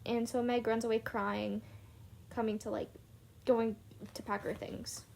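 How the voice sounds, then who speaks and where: A woman's voice: on the high side, flat delivery, unhurried, vocal fry, darkish tone, a little hiss or hum. A young woman casually retelling a book's plot, chatty and full of "like" fillers. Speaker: book reviewer. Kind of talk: casual book recap.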